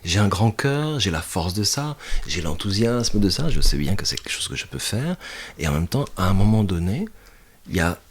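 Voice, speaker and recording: A man hosting a podcast, asking gentle questions that restart often. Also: deep voice, very animated, normal speed, breathy edge. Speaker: podcast host. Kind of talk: interview conversation.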